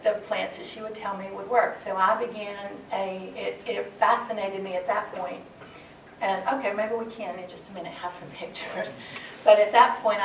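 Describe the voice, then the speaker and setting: A woman's voice: medium pitch, slight background noise. A woman from western North Carolina, giving a chatty, folksy talk on foraging. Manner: chatty, folksy, with restarts and laughter. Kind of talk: casual public talk. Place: event room at a library. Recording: roomy hall, distant mic, faint ambience.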